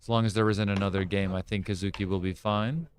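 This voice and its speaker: A man's voice: on the low side, fairly even intonation, quick pace, background noise. A man giving live backgammon commentary, calling the rolls and weighing the moves, with a dry teasing streak. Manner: analytical, calls the dice rolls, teasing.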